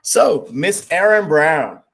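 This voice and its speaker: Slow-talking male online host. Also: on the high side, big pitch swings, creaky, fairly bright tone, slightly rough. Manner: slow, measured, encouraging, repeats words. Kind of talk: hosting an online interview. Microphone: video call.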